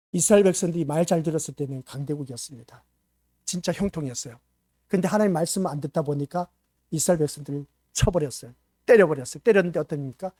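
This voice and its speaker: A male pastor preaching a sermon, asking the congregation rhetorical questions and swinging between loud emphasis and hushed asides. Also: high-pitched, no room sound, clean studio sound. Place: church.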